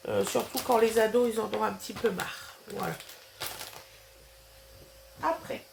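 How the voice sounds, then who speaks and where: A woman's voice: mid-range voice, steady tone, measured pace, creaky, background noise. A middle-aged woman with a cold, talking through her nose as she casually shows off her grocery haul, chatty and hesitant with lots of fillers. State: nasal, has a cold. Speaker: vlogger showing a grocery haul.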